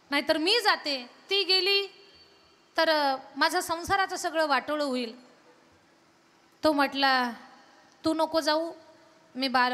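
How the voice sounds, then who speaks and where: Tell the devotional story in a high, bright voice, hammering each phrase rhythmically as a woman preaching a kirtan, with the sound carrying long reverb through the hall. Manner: emphatic, rhythmic listing of phrases. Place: large temple hall, live event.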